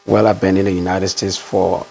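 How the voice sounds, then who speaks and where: Deep-voiced Liberian pastor, measured. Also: male voice, level tone, creaky, dark tone, a little hiss or hum, rough recording. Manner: measured storytelling, frequent "uh" pauses. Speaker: pastor, interview guest. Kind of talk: conversational interview.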